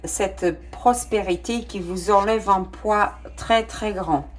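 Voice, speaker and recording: Speaking slowly at medium pitch, a middle-aged woman with a non-native French accent does a casual tarot reading. She hesitates a lot, uses many fillers and exclaims delightedly as she looks at the cards.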